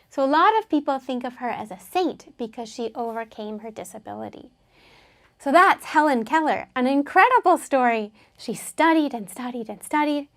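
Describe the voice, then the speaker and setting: A woman teaching an English lesson, patiently explaining words and having learners repeat them after her. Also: sits high.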